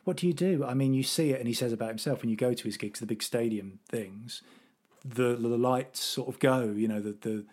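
A middle-aged man from England chats on a podcast with eager, rambling enthusiasm. He keeps restarting his sentences as the stories pour out, and his voice sits at an ordinary mid pitch. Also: fairly quick, darkish tone. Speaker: podcast co-host. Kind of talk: casual chat.

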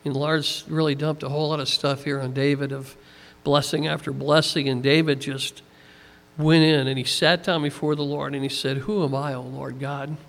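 Folksy pastor preaching in a reverberant hall. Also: male voice, fairly high pitch, little pitch movement, normal speed, vocal fry, a bit bright. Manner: conversational, folksy, many "you know" fillers. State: tired. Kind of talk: sermon.

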